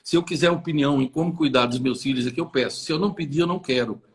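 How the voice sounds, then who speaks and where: A man's voice: on the high side, very fast. A man with a Brazilian Portuguese accent, co-hosting a casual chat and giving parenting tips in a blunt, firm, forthright way.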